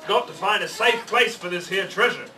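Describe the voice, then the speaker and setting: A man voicing a loud, bossy pirate captain while reading a storybook aloud. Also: high voice, moderate pace, pitched above the performer's own voice. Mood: booming. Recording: roomy, distant, faint background noise.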